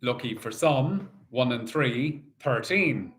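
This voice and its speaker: A man working as a bingo caller, calling out numbers in set phrases and repeating each in a measured, sing-song way. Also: mid-range voice, lively intonation, a bit bright.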